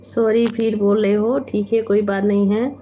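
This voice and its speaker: A woman hosting a casual late-night live stream from home, chatting unhurriedly with viewers, reading out their comments and gently scolding them. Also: medium pitch, little pitch movement, moderate pace, highs cut off, a little hiss or hum.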